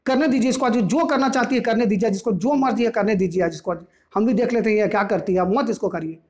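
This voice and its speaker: A man's voice: high voice, fast talker, darkish tone, lightly acted. A male teacher voicing a bewildered, helpless father who sounds flustered and pleading.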